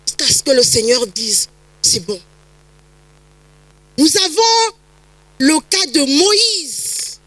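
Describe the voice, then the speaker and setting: A woman pastor delivers a sermon in a high, bright voice, repeating phrases and building to emphatic peaks. The sound is close and dry, with no room around it. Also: big pitch swings, slow, dry recording, low-quality recording. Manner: emphatic preaching, rising to shouts, frequent repetitions.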